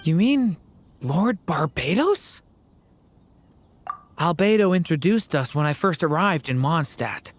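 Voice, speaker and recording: A woman voicing a young, earnest dragon boy in a fantasy video game, polite, composed and gently confident. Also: low voice, animated, takes it slowly, pauses often, a little hiss or hum.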